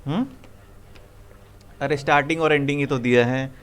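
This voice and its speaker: Clear-voiced man teaching a coding class. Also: medium pitch, fairly even intonation, moderate pace. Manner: coaxing, repeats questions to the class. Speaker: programming teacher. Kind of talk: live classroom coding lesson.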